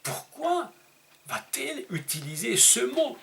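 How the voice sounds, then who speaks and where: Emphatic preacher man, lively pitch. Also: gravelly. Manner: emphatic teaching tone with dramatic pitch leaps and slowed stressed words; rhetorical questions to the audience. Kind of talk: sermon.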